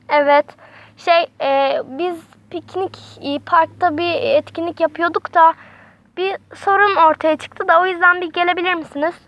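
Brief: woman as a kind teacher doll, high bright voice, muffled home recording. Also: no echo. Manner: soothing, motherly. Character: kind patient female schoolteacher. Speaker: doll play voice actor. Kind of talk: toy doll role-play.

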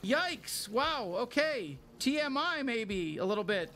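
A man's voice: extremely high pitch, very animated, slow, sharp tone, a little hiss or hum, full character voice. A man voicing a nervous, chatty, apologetic little talking alien gun in a video game, stammering and rambling as he goes. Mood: awkward, curious. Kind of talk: improvised-sounding video game dialogue.

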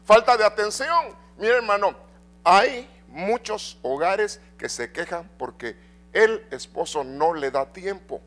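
A middle-aged man preaching a sermon in a church, swinging between loud and soft and asking the congregation questions. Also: sits high, lively intonation, slow pace. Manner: addresses congregation with rhetorical questions. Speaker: pastor.

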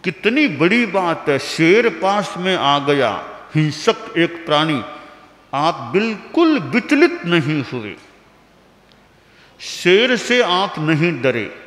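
Brief: a male preacher doing an eager young disciple, lively, pleading, slow, ringing hall sound. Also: a little high, heavily acted. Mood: earnest. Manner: urgent, pleading retelling. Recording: reverberant hall.

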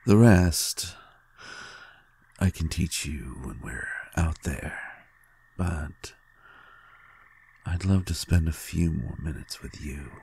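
In an exaggerated voice, a man plays an ancient male vampire murmuring tenderly to a lover in an intimate audio drama. His extremely low, gravelly, dark and mellow voice comes across as fond and wry, soft and halting yet sincere, with a melodramatic streak.

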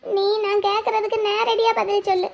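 Woman playing a tearful young wife, super high flat voice, pleading, kinda dull lo-fi audio drama. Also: normal speed, gravelly. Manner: plaintive, pleading.

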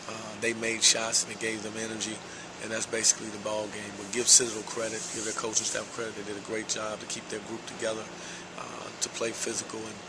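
Low, flat-voiced coach in noisy arena. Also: male voice. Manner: measured, steady, frequent "uh" fillers. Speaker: basketball head coach. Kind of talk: post-game interview. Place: large empty indoor basketball arena.

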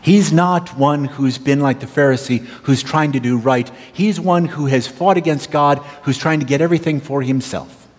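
A man's voice: fairly high pitch, moderate pace, few pauses. A male pastor preaching a storytelling sermon, emphatic and speaking directly to members of the congregation. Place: church sanctuary. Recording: reverberant church sanctuary.

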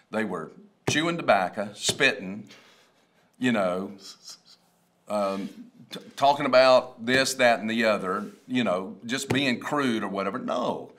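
A pastor in his sixties, his voice fairly low and a bit bright, gives a casual, rambling, story-like talk about a sermon, often backing up to restart. He's seated at a table in a wood-paneled studio.

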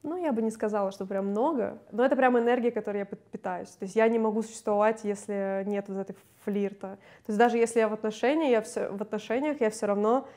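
A young woman, a singer, talking candidly and casually in an interview, chatty and quick to laugh. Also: medium pitch, warm tone.

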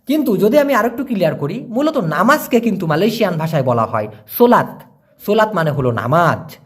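A man teaching language, answering viewer questions and slowly repeating words for learners. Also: high voice, a bit bright.

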